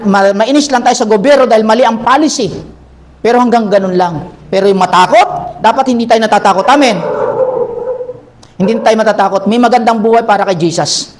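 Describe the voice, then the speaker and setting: High-voiced animated Filipino pastor. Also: male voice. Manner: animated storytelling, acts out characters. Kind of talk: sermon. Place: church.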